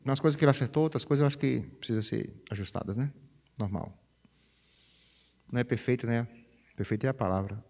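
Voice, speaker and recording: A man preaches in a chatty, animated way, often tagging his phrases with a questioning "né?". His voice sits somewhat high, and his pitch swings widely. The sound carries the long reverb of a church hall. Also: creaky. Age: 50s. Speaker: pastor. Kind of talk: conversational sermon. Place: church sanctuary.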